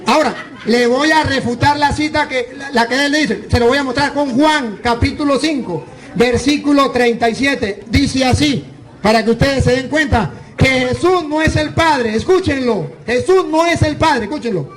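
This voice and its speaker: Very high-pitched emphatic priest. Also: male voice, moderate pace, rough recording. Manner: animated, emphatic, rhetorical questions. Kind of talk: live religious debate.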